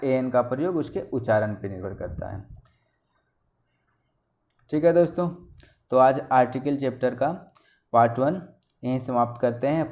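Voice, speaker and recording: A man teaching a Hindi lesson on English articles, explaining slowly and repeating each example letter by letter. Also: mid-range voice, darkish tone. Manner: slow, repetitive explaining, spelling out letters. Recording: dull lo-fi recording.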